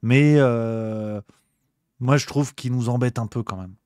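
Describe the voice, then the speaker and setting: A man's voice: medium pitch, unhurried, a little mellow, dry recording, clean studio sound. A male host delivering a comedic rant on a livestream show, exasperated and swearing, repeating his grumbles.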